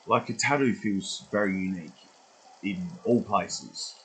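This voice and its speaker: Husky, rambling young man vlogging. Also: sits low, unhurried, rough recording. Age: 20s. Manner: meandering, swears freely, loses his track. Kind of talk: rambling casual vlog monologue.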